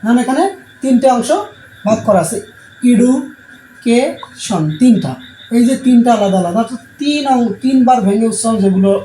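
A male English teacher with a voice that sits high and has a dark tone gives a classroom lesson, repeatedly answering his own questions. The recording sounds roomy, with faint background noise.

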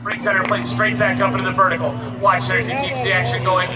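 Guy doing airshow commentator announcing over distant outdoor speakers, showy, loud music behind. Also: high voice, level tone, reverberant. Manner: showman-like airshow commentator delivery, drawn-out repeated phrases. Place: outdoor airfield, heard over loudspeakers.

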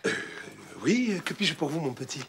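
A man's voice: a little high, big pitch swings, normal speed, noisy background. An actor playing a flustered, eager man who talks hesitantly, in a sitcom. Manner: hesitant, full of euhs. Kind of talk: sitcom acting.

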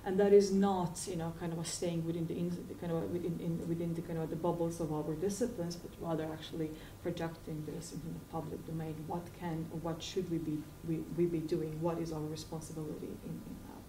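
A woman's voice: low-pitched, level tone, a little fast, few pauses, background noise. A woman in her forties gives a hesitant academic panel response, full of fillers and restarts, in a university seminar room. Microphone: far room mic. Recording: echoey room from far off.

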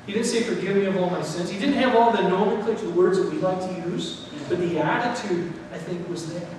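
A middle-aged man preaching a sermon in a church, animated, acting out what people think. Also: high-pitched, a little fast, slight background noise. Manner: animated, gesturing while preaching, acts out quoted thoughts. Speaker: pastor. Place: church sanctuary, indoors. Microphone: far camera, no mic worn. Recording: echoey hall from far off.

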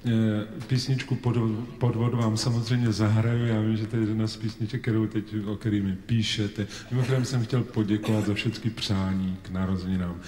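A man's voice: on the low side, flat delivery, hardly any pauses, a little mellow. A man in his forties chatting and joking with a live audience between songs, teasing and talkative in a raised stage voice. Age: 40s. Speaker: singer-songwriter on stage. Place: live concert hall with audience. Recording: echoey live hall recording, audience noise.

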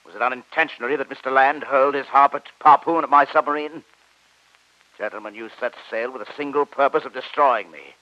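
An actor playing a proud, embittered submarine captain in an old radio drama, imperious, formal and theatrical. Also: male voice, medium pitch, steady tone, a little fast, no echo, lightly acted. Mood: indignant. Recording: muffled old radio recording.

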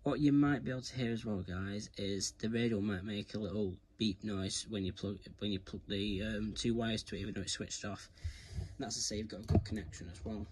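Working through a hands-on tutorial, a man talks informally to his viewers, calling them "guys." His voice is on the low side and a little mellow, brisk with few pauses and fairly even, captured in a low-quality recording from a carpeted indoor room with clear background noise and handling clicks.

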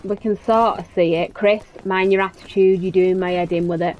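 A woman's voice: medium pitch, steady tone, brisk, dull audio. A woman giving casual let's-play commentary, blunt and teasing, with casual swearing. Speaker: gaming commentator.

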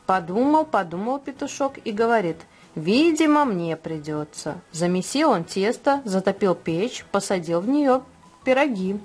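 A woman reading a children's bedtime fairy tale aloud and hosting the channel, slow, expressive and kindly. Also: mid-range voice, breathy edge, faint music behind. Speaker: storyteller and channel host.

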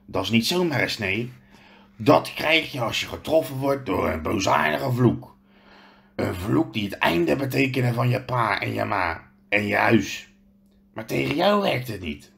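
A man reading a storybook aloud, voicing a huge, gruff but kindly male half-giant who tells his story with earnest hesitation. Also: mid-range voice, expressive, unhurried, a bit bright, exaggerated voice.

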